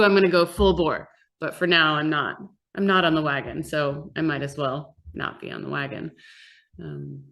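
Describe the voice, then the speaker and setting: A woman guest in a casual roundtable chat, speaking candidly and filling pauses with many ums. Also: low-pitched, a bit bright. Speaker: fitness club member guest. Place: fitness studio.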